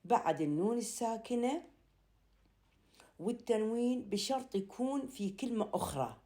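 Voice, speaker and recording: A woman with an Iraqi accent teaching a Quran recitation lesson, explaining slowly and deliberately and chanting verses. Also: on the high side, lively intonation, mellow. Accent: Iraqi Arabic. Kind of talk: recorded tajweed lesson.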